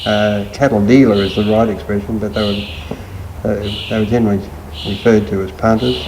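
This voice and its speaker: An older man with a rural Australian accent, reminiscing in an unhurried, laconic country drawl. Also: lowish voice, steady tone. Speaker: retired livestock agent reminiscing. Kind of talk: oral-history reminiscence. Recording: faint background noise and ambience.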